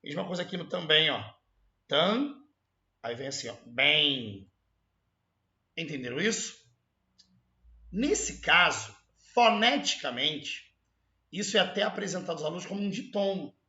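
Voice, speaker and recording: A man with a Brazilian Portuguese accent teaching an exam correction lesson, animated and emphatic, stretching out sounds to show them. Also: a little high, normal speed, echoey room, highs cut off.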